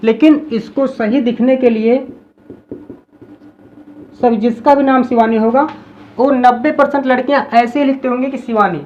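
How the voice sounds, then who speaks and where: A woman with a high voice teaches in a patient classroom style. She repeats each example word slowly, drilling it. The recording sounds dull and lo-fi. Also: fairly even intonation, a little mellow, slight background noise.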